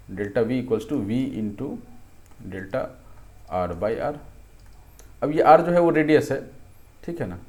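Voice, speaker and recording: A man's voice: medium pitch, darkish tone. A man teaching a physics lesson in a conversational way, often checking in with questions and correcting himself as he works through it. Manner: thinks aloud, restarts and self-corrects. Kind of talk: explaining a lesson at a board.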